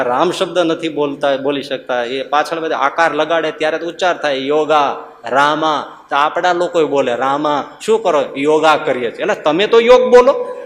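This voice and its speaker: Swami, animated storytelling sermon, fairly high voice, long hall reverb. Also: male voice, a little hiss or hum. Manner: animated, acts out villagers' voices, chuckles. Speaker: swami giving a discourse.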